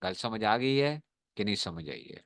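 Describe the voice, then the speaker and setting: Man teaching a class, bright and dry. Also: fairly low pitch, lively intonation, no echo. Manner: checks often that students understand, slow drawn-out examples. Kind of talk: classroom lesson.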